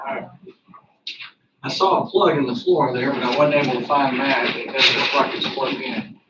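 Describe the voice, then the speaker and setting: A man's voice: mid-range voice, moderate pace. A man presiding over a public meeting, calling up speakers in a casual, apologetic way. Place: county commissioners courtroom. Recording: echoey, distant, dull and noisy.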